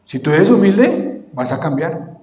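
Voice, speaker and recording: Un predicador que da un sermón, hace preguntas a la congregación y él mismo las contesta. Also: male voice, a little high, big pitch swings, unhurried, darkish tone. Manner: asks the congregation questions and answers them himself. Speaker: preacher. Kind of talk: sermon. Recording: echoey church hall with long reverb.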